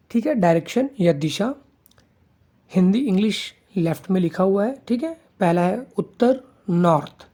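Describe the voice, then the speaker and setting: A man teaching an online language lesson, patient, who repeats each word slowly and keeps checking in with his listeners. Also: high-pitched, warm tone. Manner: patient, checks in with 'theek hai?' after nearly every phrase; mixes English words into the lesson.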